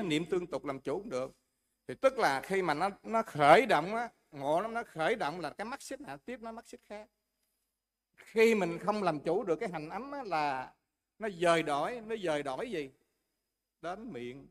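A man giving a Buddhist dharma talk, explaining with everyday examples and asking the audience questions. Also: a little high. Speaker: Buddhist monk teacher.

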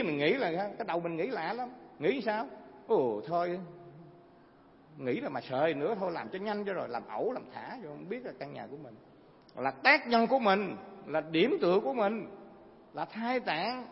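Male Buddhist preacher, gravelly and a bit high, lively storytelling sermon, dull recording in a reverberant hall. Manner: animated, asks frequent rhetorical questions. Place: hall before a live audience.

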